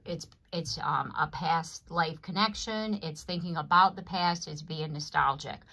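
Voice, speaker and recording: Low-pitched woman, tarot reader, casual and rambling, talks straight to her viewers. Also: measured pace, bright, forceful tone. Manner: rambling, conversational, frequent "you know what I mean". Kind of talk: casual collective tarot reading to camera.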